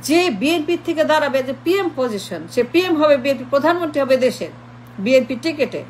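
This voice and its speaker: Talking fast in a high-pitched, animated voice, a woman works as a political commentator through a mocking monologue. She repeats insult after insult in lists and drops into English, while a little hiss or hum sits under the recording.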